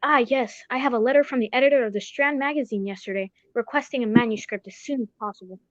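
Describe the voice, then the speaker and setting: Lady playing the detective's doctor pal in a radio play, polite, bit fussy, highish voice, slightly muffled. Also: quick pace, no room sound, lightly acted. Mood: polite, curious. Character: genteel doctor, the detective's protective, mildly exasperated friend. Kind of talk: radio drama acting.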